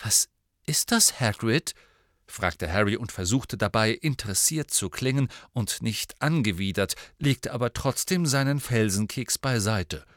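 A man reading a story aloud in steady scripted narration. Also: lowish voice, normal speed, hardly any pauses, no echo, studio quality. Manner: steady storytelling with voiced dialogue. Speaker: audiobook reader.

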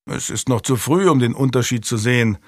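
Brief: gallant nobleman with a wry, kindly tone, as an audiobook narrator gives him, mid pitch, dry sound. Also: fairly quick, no room sound, lightly acted. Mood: gentle. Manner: gallant and gently teasing. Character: young noble earl, courteous and wry.

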